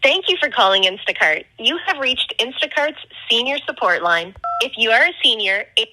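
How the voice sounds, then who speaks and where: This is a woman's prerecorded phone menu message, the kind that plays while a caller waits on hold. Her voice is bright and crisp and sits fairly high, and each scripted prompt is spoken slowly and evenly, with every word enunciated. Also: lively intonation, rough recording. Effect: recorded automated phone menu message.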